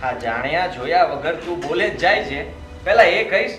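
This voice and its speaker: A man playing a calm, fair-minded husband. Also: on the high side, normal speed, faint music behind. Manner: reasoning, gently firm. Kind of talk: family drama acting.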